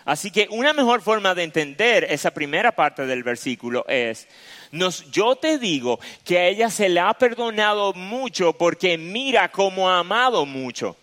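A man's voice: high-pitched, big pitch swings, normal speed, fairly bright tone. A man preaching a sermon, explaining a passage step by step and repeating his key phrases. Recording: long reverb in a large hall.

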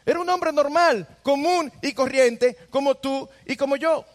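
High-voiced man preaching in a reverberant hall. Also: unhurried. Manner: earnest, addresses listeners directly with rhetorical questions. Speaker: pastor. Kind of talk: sermon.

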